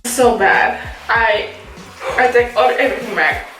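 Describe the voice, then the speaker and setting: A woman chatting casually and haltingly through a spicy food challenge, teary and struggling with a burning mouth and throat. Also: fairly high pitch. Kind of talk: casual chat during a spicy noodle challenge. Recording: echoey room, distant mic, music behind.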